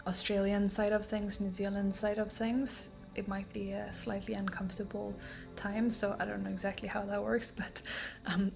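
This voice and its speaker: A woman with a medium-pitched, somewhat dark voice speaks casually as a breathwork guide in a promotional vlog. She rambles at an easy pace with pensive pauses, letting her phrase endings go breathy.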